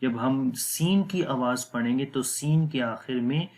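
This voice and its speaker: Man, Quran reading teacher, patient step-by-step lesson, repeats rules plainly, mid-pitched voice. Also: darkish tone.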